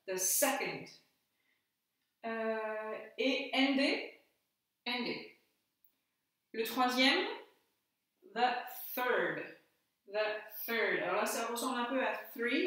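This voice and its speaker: A French-accented woman teaches a lesson in a patient, step-by-step manner, spelling out letters and saying words twice. Her voice sits fairly high. She sounds set back from the microphone in a strongly echoing room. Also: fairly bright tone, recorded from a distance. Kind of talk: classroom lesson explanation. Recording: very echoey room, voice from off-mic.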